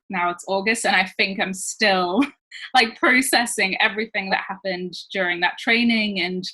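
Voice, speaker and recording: A woman's voice: medium pitch, pushed and bright. A woman who grew up in France and Switzerland with British parents, a relationship coach chatting as a podcast guest with many fillers. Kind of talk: casual interview chat.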